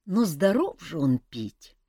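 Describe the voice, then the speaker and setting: A woman doing a young elf prince, plaintive and sighing, a little higher than the reader's own low voice. His speech swings widely in pitch, and the recording is dry and close. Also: sing-song, slow, dark tone, slightly rough, no echo, exaggerated voice. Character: young male elf prince, glum and hungover.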